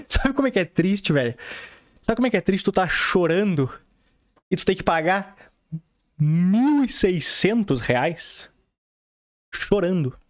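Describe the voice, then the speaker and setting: A podcast host with a Brazilian Portuguese accent tells a personal story casually, rambling in slangy speech packed with fillers and acted-out dialogue. His voice is on the high side, recorded with clean studio sound and no echo.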